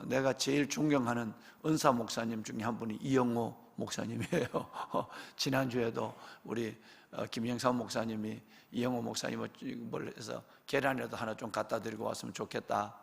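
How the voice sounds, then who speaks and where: A man's voice: medium pitch, vocal fry, fairly bright tone, long reverb tail. A man pastor preaching a sermon, speaking emphatically with many rhetorical questions and turning often to the congregation. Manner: often addresses the congregation directly. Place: church sanctuary.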